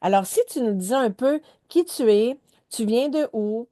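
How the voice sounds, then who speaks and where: A woman with a Quebec French accent, a coach hosting an interview and chatting casually, pitching her program with frequent hesitations. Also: expressive, normal speed, warm tone, dry recording, studio quality.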